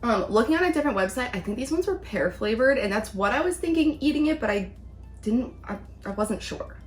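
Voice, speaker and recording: A woman's voice: fairly high pitch, expressive, a little fast, soft background music. A woman chatting casually as she reviews things in a taste-test vlog. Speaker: vlog host, candy reviewer.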